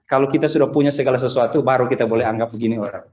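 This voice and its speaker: A man's voice: mid-range voice, fairly even intonation, very fast, darkish tone. A man preaching a conversational sermon over a video call, telling anecdotes and acting out other people's lines. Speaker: pastor. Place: church service streamed over a video call. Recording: roomy, echoey video call; echoey.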